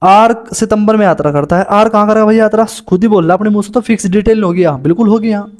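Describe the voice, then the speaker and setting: A man's voice: high voice, quick pace. A young man coaching exam students through puzzles on a board, chatty and informal, often calling listeners "bhai".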